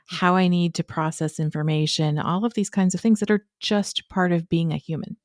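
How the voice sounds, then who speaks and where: A woman's voice: fairly low pitch, steady tone, normal speed, dry recording, studio quality. A woman who works as an educator, talking as a podcast guest in an earnest, emphatic way and often checking in with "right?". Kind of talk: podcast conversation.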